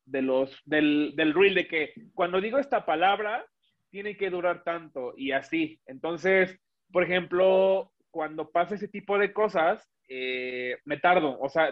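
Guy rambling along, lots of restarts, muffled sound. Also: a little high. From Mexico. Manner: rambling, many restarts and fillers. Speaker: guest, illustrator and animator. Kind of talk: casual interview chat.

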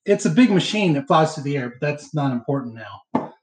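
A man's voice: a little high, lively intonation, fairly quick. A man hosting a casual film chat in a hesitant, rambling way. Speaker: podcast host. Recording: echoey, roomy sound.

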